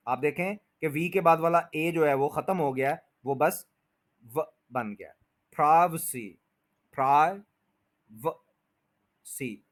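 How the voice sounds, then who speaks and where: A man teaching English pronunciation, patiently repeating each word and stretching its syllables. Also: on the high side. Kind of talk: pronunciation lesson explained in Urdu/Hindi.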